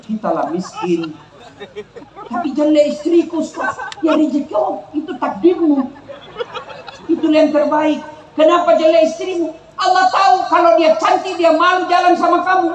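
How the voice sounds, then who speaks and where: A man's voice: extremely high pitch, moderate pace, roomy sound, background noise. A man with a Makassar Indonesian accent preaching a humorous sermon to a crowd, telling comic stories and teasing the audience. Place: outdoor town square gathering.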